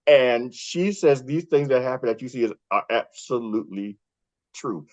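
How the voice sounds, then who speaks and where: A man's voice: mid-range voice, expressive, moderate pace, no room sound. A man guesting on a podcast, telling stories in a chatty way, laughing often and acting out quotes. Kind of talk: casual storytelling chat. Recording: slightly muffled dry recording.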